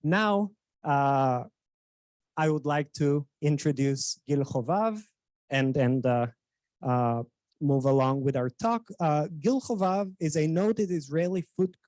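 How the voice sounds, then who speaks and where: A man delivers a formal introduction in a somewhat high voice. He speaks hesitantly, full of fillers and restarted phrases. The sound is dry and close. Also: darkish tone, no room sound. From Bulgaria. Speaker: Hebrew instructor introducing a guest speaker.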